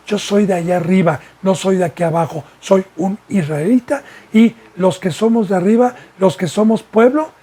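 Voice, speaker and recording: Male pastor, husky voice, teaching sermon full of rhetorical questions. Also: high voice, darkish tone. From Mexico. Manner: preaching with repeated rhetorical questions.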